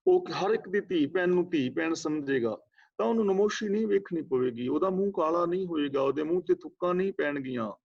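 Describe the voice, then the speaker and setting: A man leads a scripture lesson, breaking down each word and putting questions to his students. His voice sits a little high, with a gravelly rasp. The sound comes through a dull, lo-fi online meeting connection. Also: brisk. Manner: explains word by word, asks the class questions. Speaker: Sikh scripture teacher. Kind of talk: religious lecture on scripture. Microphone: video call.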